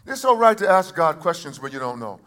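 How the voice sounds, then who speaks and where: High-voiced preacher swinging loud and soft. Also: male voice, sing-song, brisk. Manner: swings between quiet asides and loud emphatic calls; repeats words and restarts phrases. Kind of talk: sermon. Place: church service before a congregation.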